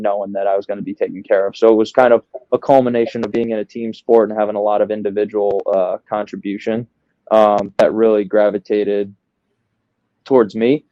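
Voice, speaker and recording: A young man from outside Chicago, with a Midwestern American accent, talks casually and self-deprecatingly as a podcast guest in an interview. His voice is lowish, recorded dry with the highs cut off.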